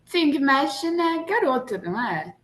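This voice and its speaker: A woman's voice: high-pitched, very animated, a little slow, slight background noise. A woman student in an online language class, answering the teacher's questions.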